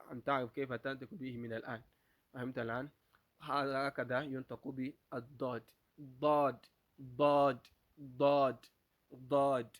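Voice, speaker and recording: A man teaching Arabic pronunciation, who repeats each letter sound aloud several times, asks the class if they follow, and switches between English and Arabic. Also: medium pitch. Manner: asks the class rhetorical checks. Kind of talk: pronunciation lesson.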